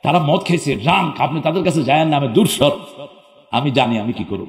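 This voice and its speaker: A man delivers an Islamic sermon to a crowd at a public gathering, his fairly high voice animated and fairly quick. He poses questions to the audience, answers them himself, and now and then breaks into chanted phrases, all within an echoey hall with long reverb.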